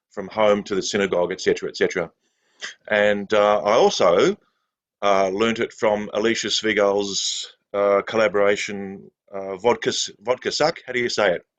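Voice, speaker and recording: Low-ish guy from australia on a video call, chatty and a bit rambling, lots of ums. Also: fairly bright tone, dull audio. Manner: rambling, hesitant, many fillers. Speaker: klezmer fiddler. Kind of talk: casual introduction on a video call.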